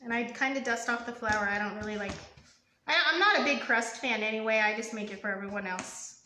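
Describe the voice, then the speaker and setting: Chatty bright-voiced woman baking live. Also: on the high side, a little fast, reverberant, slight background noise. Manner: chatty, rambling, lots of ums and asides to viewers. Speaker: home cook hosting a live baking stream. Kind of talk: casual live cooking demo. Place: home kitchen.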